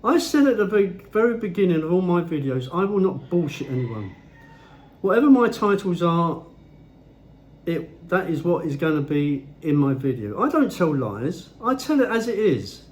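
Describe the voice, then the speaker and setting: A man's voice: on the high side, very animated, normal speed, a little mellow. A man ranting in his own vlog, blunt and heavily profane, talking at home. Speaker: vlogger.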